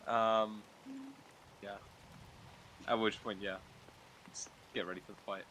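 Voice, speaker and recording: A man at a tabletop game, explaining his character's response. His voice is low and slow, and he talks hesitantly, with many fillers and pauses. Faint noise sits behind him. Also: little pitch movement, a bit bright, poor audio. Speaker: player.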